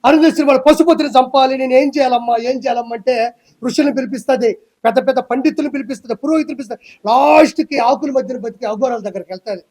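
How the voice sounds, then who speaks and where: A man, ranting loudly and emphatically as a guest in a heated political interview. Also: extremely high pitch, racing, husky. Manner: loud, emphatic, repetitive ranting.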